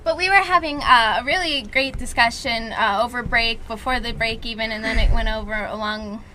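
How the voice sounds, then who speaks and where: A teenage female host with a bright, forceful voice that sits slightly high. She chats casually and apologetically as she steers the show. The recording carries some background noise. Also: normal speed, low-quality recording. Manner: loud, informal, apologetic. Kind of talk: casual chatty hosting.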